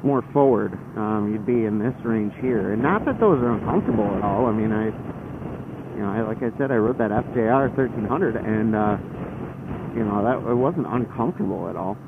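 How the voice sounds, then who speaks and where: This motorcycle vlogger has a lowish, animated voice and talks a little fast, chatting hesitantly and rambling from inside his helmet as he rides. The band-limited helmet mic yields narrow, tinny audio, with engine and road noise in the background.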